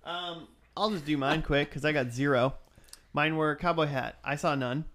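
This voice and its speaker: A man's voice: on the high side, a bit bright. Joking man co-hosting a podcast. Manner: joking, quick asides, restarts sentences. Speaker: podcast co-host. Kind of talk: casual chat.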